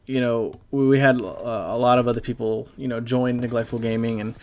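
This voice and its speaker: A young man giving a halting, casual voice-over over gameplay, full of fillers and swearing, as a clan leader recalling a friend. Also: mid-range voice, fairly even intonation, darkish tone. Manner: halting, rambling, heavy with fillers; casual and profane. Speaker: gaming YouTuber and clan leader.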